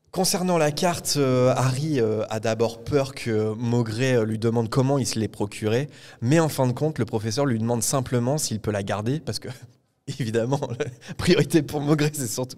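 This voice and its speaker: A man's voice: medium pitch, moderate pace, darkish tone. A man hosting a podcast recorded live at a public event, retelling a book chapter at length with frequent hesitations. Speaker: podcast host. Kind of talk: casual book discussion before a live audience.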